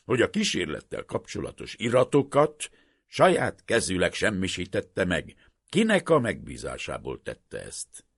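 A man voicing a cold, unfriendly male officer who interrogates in a creaky, harsh voice. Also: medium pitch, huge pitch swings, darkish tone, no room sound, studio quality, voice pushed up, exaggerated voice. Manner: harsh, icy questioning.

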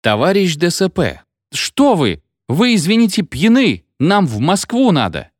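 A man's voice: high voice, wildly swooping pitch, unhurried, no echo, pitched above the performer's own voice, heavily acted. A man voicing a flustered, officious chief conductor who pleads and insists, in a dry recording. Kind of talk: audiobook character voice.

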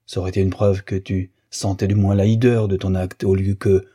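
A man's voice: deep voice, level tone, fairly quick, dark tone, slightly rough, no room sound, studio quality. A man voicing a stern, wrathful older male lawyer who hammers out his indignant words. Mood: furious.

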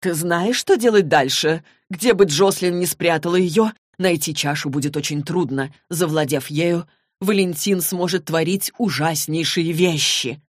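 A woman voicing an imperious fortune-teller who speaks slowly and indignantly. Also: fairly low pitch, no echo, studio quality. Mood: wondering. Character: imperious middle-aged female fortune-teller. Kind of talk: audiobook character reading.

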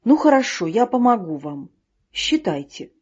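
Lady doing a vain little ladybug poet guy, pompous and slow, mellow husky voice, dull lo-fi sound. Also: mid-range voice, sing-song. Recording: dull lo-fi recording.

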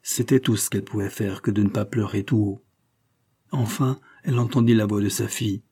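Male audiobook narrator, calm and measured, warm dark tone, slightly husky. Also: fairly low pitch.

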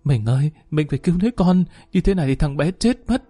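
A man voicing a frantic mother who wails and pleads for her son, in a raised, higher voice. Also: expressive, quick pace, mellow, husky, soft background music. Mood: frantic pleading. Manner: wailing, pleading.

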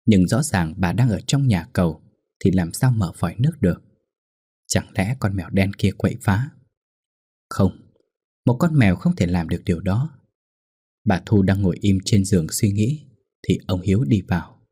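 Low husky man narrating a ghost story. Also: normal speed, pauses often, no room sound, studio quality. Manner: steady, suspenseful storytelling.

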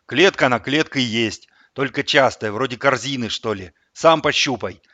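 A man voicing a gruff, indignant fellow captive who argues loudly. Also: mid-range voice, moderate pace, no room sound, dull audio. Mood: grumbling. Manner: indignant, argumentative.

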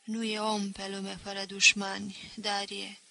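A woman reading an audiobook voices a dying old uncle, tired, wry and bitter, speaking slowly. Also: medium pitch, completely flat delivery, creaky, pushed and bright. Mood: weary.

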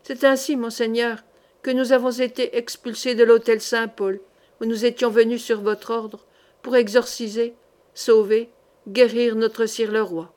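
A woman reads a zealous male hermit monk from a historical novel, nasal and rambling in a quick flow of words. The voice sits a touch high. A storybook character told by a single reader. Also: flat delivery, a little mellow, close to an everyday voice. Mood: earnest. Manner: rapid, long-winded recounting. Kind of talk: audiobook character reading.

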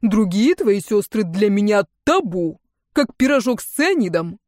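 A woman's voice: mid-range voice, lively intonation, unhurried, a little mellow, dry recording, clean studio sound, close to an everyday voice. A woman reading a storybook, voicing a cheeky young male cat familiar with a lazy, teasing drawl.

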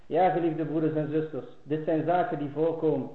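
A man with a high voice gives an earnest Islamic lecture, pressing harder on each key phrase. The recording is thin and phone-like, and it echoes as if from a bare room. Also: steady tone, a little fast. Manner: earnest, rises in pitch and force on key phrases.

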